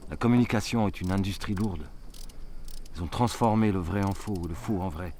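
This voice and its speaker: An actor playing a grandiose, disillusioned master on a futile quest, in weary theatrical declamation. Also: male voice, deep voice, moderate pace, mellow, a little hiss or hum, close to an everyday voice. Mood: bitter, grand. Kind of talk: theatrical stage dialogue in French. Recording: music clearly behind the voice.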